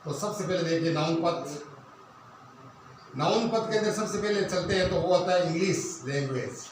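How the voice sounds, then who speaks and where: A high-voiced male teacher explains a grammar lesson step by step. He asks his own questions and then answers them. He is recorded from across a very echoey room, with a faint hum behind him. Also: moderate pace, distant mic.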